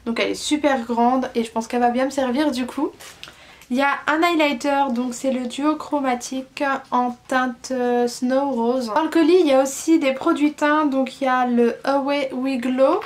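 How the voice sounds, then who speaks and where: A young French beauty vlogger chats enthusiastically through an unboxing, naming each product and using frequent fillers. Her voice is high-pitched and steady in tone at a moderate pace.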